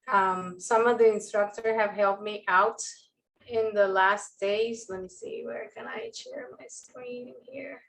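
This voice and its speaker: A woman with a somewhat high voice asks a course instructor questions over an online call. She talks slowly and carefully, sitting back from her mic in an echoey room. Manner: slow, careful, measured. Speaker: course participant asking questions. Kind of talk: online office hours question. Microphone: video call. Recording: roomy, distant from the mic.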